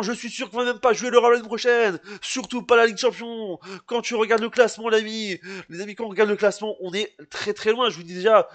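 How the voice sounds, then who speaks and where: A man with a strikingly high voice hosts a live football debrief. He rants in exasperation, swinging between loud outbursts and weary sighs, and keeps coming back to the same catchphrase. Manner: exasperated, ranting, repeats a catchphrase. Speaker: football fan channel host.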